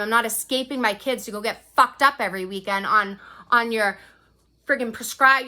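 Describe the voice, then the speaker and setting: A woman's voice: on the high side, pushed and bright. A woman, a parent, delivering a heated, profane personal rant to the camera, often tagging her points with "right?". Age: adult parent. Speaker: vlogger recounting a custody fight.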